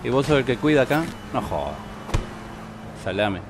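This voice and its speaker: A man's voice: mid-range voice, normal speed. Rowdy Rioplatense gamer man, mocking. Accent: Rioplatense Spanish. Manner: excitable, mocking, swears a lot. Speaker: gameplay commentator. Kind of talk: casual let's-play commentary. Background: game music and gunfire.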